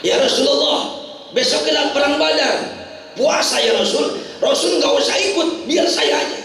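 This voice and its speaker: Figure: a man doing an eager, devoted young male companion. Pitch: raised. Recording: echoey hall, distant mic. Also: very animated, normal speed, fairly bright tone. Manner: pleading, eager. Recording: echoey prayer hall from far off.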